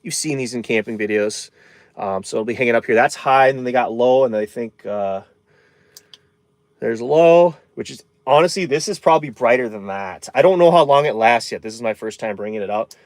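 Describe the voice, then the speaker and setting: A man's voice: mid-range voice, fairly quick, no room sound, studio quality. A man in his thirties chatting casually on a live stream from inside his camper van, rambling and answering viewer comments.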